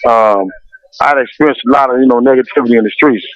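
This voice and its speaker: A man from Los Angeles, a music producer as guest, speaking candidly and unhurried with restarts. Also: mid-range voice, steady tone. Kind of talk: casual interview. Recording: dull lo-fi radio sound.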